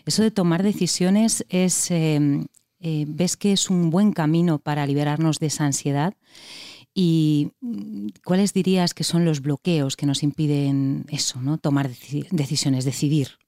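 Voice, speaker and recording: A woman interviews a guest, asking thoughtful questions with small hesitations. Her voice is smooth and clear. The recording is dry, with no room echo. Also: low-pitched, steady tone, measured pace, dark tone.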